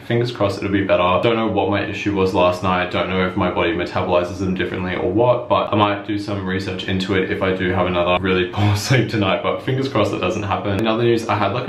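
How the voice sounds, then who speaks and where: Young male vlogger, quick and chatty, speaking informally to camera over noticeable ambient noise. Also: deep voice. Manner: chatty, informal, frequent filler 'like'. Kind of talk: casual video diary to camera.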